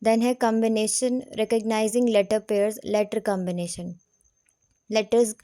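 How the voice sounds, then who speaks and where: A woman's voice: medium pitch, mellow, no room sound. Woman teaching grammar in a dry close voice. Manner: explains step by step, slow on English headings. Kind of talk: recorded lecture.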